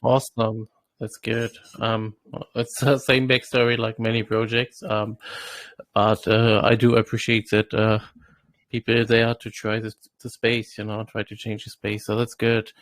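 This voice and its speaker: A man's voice: lowish voice, completely flat delivery, unhurried, a bit bright, no room sound. A man hosting an online interview in a casual, upbeat, promotional way. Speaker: host.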